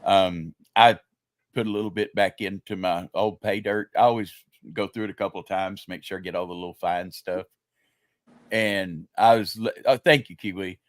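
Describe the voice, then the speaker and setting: Chatty older man, low and dry. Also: steady tone, moderate pace, no room sound. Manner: chatty storyteller. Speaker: livestream panelist. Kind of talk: casual chat.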